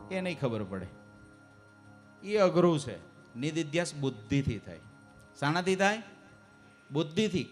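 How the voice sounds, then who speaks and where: A man preaching a devotional sermon to a live assembly, asking the audience questions and urging them to answer louder. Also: sits high. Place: temple assembly hall.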